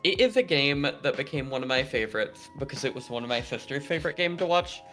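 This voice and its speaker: A man's voice: medium pitch, fast, a bit bright, soft background music. A man streamer chatting casually with friends, bubbly and laughing often. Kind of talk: casual chat on a group stream.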